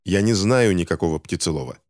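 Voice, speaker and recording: A man reading an audiobook, voicing an adult male doctor who speaks in a measured, reasoning, persuasive way. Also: sits low, animated, darkish tone, dry recording, studio quality. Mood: calm, reasoning. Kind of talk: audiobook character voice.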